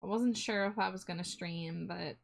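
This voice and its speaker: A woman's voice: lowish voice, normal speed, vocal fry. A woman art streamer chatting casually to viewers on a livestream in a cute, friendly, appreciative manner.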